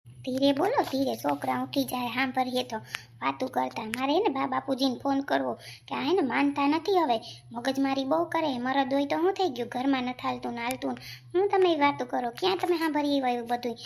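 A woman's voice: high-pitched, gravelly, a little mellow, a little hiss or hum. A woman plays a fed-up village wife in a comedy sketch, scolding and nagging her husband. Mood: angry. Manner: scolding, nagging, rapid complaints. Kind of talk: comic village sketch acting.

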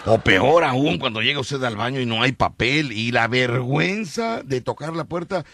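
A man's voice: medium pitch, animated, normal speed, sharp tone, dry recording, studio quality. A man with a Mexican accent hosting a comic radio show, joking and telling stories with many restarts. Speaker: radio host. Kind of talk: comic morning radio talk.

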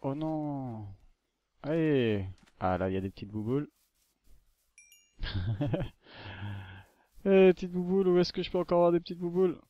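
With a slightly high voice and a moderate pace broken by long pauses, a man offers rambling let's-play commentary, coaxing creatures in the game. The desktop-mic audio has no room sound and is muffled.

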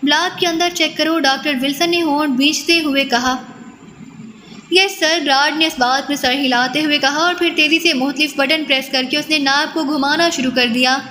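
A woman narrating a spy novel audiobook in a steady storytelling manner, with long reverb and faint noise on the recording. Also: high voice. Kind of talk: scripted narration.

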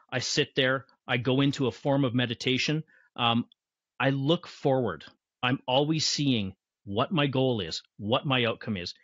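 A man's voice: mid-range voice, a bit bright, no room sound. A man who is a guest in an interview, talking confidently about motivation and repeating his key phrases. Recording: dull, muffled lo-fi sound.

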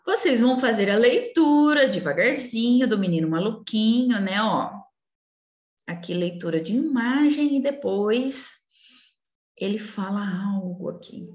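Woman primary teacher, recorded lesson; high-ish, animated, patient and coaxing; roomy echo. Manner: slow, coaxing, talks down gently to young children. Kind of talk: recorded remote class walkthrough. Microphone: computer recording while sharing screen. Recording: echoey room.

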